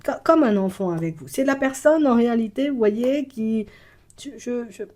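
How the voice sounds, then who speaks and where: A woman with a warm, mellow voice gives a spoken intuitive reading straight to the viewer, as a psychic reader would. Her delivery is loose and rambling, full of stammered restarts and repeated filler phrases. She drifts into speaking in the first person as someone else. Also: on the high side, animated, normal speed. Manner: slips into first-person speech for the absent person.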